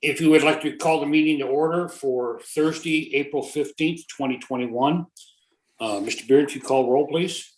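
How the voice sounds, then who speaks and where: A man's voice: fairly high pitch, moderate pace. A man chairing a formal public meeting, reading out procedure and oaths in a rote, official manner. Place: remote video meeting. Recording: roomy, echoing sound.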